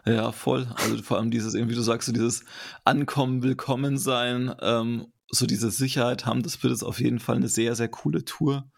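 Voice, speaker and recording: A man from Germany hosting a podcast interview, relaxed and agreeable with frequent fillers. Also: medium pitch, normal speed, creaky. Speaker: podcast host. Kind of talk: casual interview talk.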